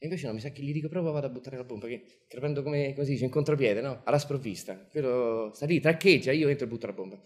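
Man, comic monologue, deadpan, very fast, repetitive phrasing. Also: medium pitch. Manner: rapid, repetitive "I say" storytelling, deadpan. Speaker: storyteller.

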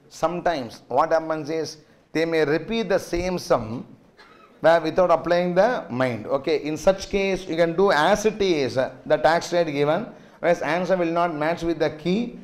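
A middle-aged man with a South Indian accent lecturing a class, constantly firing questions to check they follow. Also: a little high. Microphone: lectern microphone.

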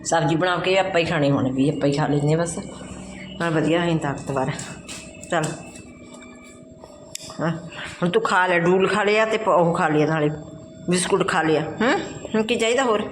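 A woman with a Punjabi accent chatting casually to her pet, in an expressive, exclaiming aunty manner full of motherly repeated calls and commands. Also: on the low side, moderate pace, long pauses. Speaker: home vlogger talking to pet dog. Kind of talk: casual chat, coaxing a pet. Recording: noisy handheld home video.

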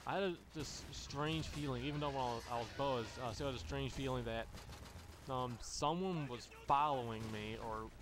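Over the noise of video game gunfire, a man with a mid-range voice talks at normal speed as a gaming channel host. His long story is loose and profane, full of restarts and filler words.

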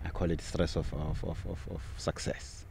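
A middle-aged man co-hosting a football podcast outdoors, relaxed and laughing often, repeating words as he talks, speaking into a mic on a stand. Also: rumbling low, moderate pace, creaky, breathy edge. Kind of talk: casual football talk. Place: outdoors on a sunny football field. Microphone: handheld mic on a stand.

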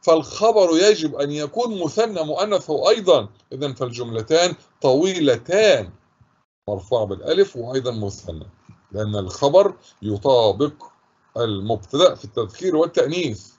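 A man teaching a grammar lesson to schoolchildren with an Egyptian accent, patiently reading example sentences slowly and repeating them. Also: fairly high pitch, lively intonation, darkish tone. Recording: husky voice, dull lo-fi recording.

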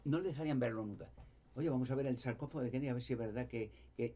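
A man's voice: medium pitch, racing, mellow, muffled recording. A man giving a rambling, casual monologue, repeating words and acting out quotes in a raised voice. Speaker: video commentator.

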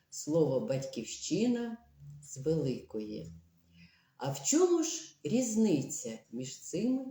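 A woman from Ukraine giving an online language lesson, explaining slowly and deliberately like a teacher. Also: low-pitched, warm tone, roomy sound.

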